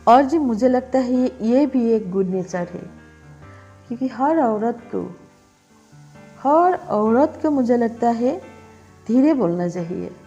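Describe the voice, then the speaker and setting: A middle-aged woman chatting casually in her home kitchen as she cooks, speaking slowly and deliberately with pauses. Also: fairly high pitch, warm tone, muffled recording. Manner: slow, deliberate talk with pauses. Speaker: cooking vlogger. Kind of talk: casual cooking vlog chat.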